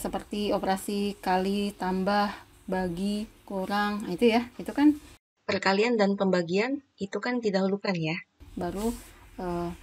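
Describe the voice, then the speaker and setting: A middle-aged woman teaching a university class in a patient, step-by-step way, often checking that her students follow along. Her voice is soft and a little breathy, with an average pitch. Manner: patient, explains step by step, many tag questions. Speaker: university lecturer. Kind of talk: recorded online lecture.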